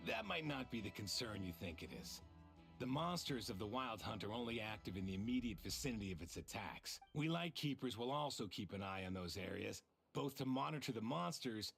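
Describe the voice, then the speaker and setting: An actor voicing an earnest, practical male guard captain in a game, steady and plain-spoken. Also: medium pitch, brisk, gravelly. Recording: game audio with music behind.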